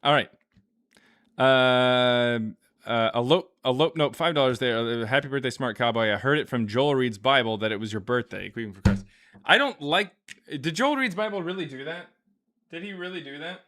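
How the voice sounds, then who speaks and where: A man's voice: mid-range voice, animated, moderate pace, a bit bright. A man hosting a live stream, chatting casually and arguing bluntly, often laughing. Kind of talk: casual debate chat.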